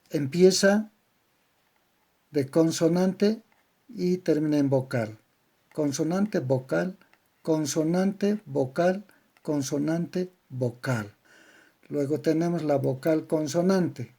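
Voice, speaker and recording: A man with a Bolivian accent giving a slow, methodical grammar lesson, spelling out syllable patterns word by word. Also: fairly high pitch, gravelly, dark tone, breathy edge. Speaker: language teacher. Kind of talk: slow didactic lecture on grammar.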